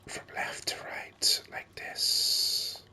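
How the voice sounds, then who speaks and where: In a breathy whisper near the microphone, a gaming host gives ASMR commentary, musing slowly and hesitantly. A bright, forceful tone runs through it.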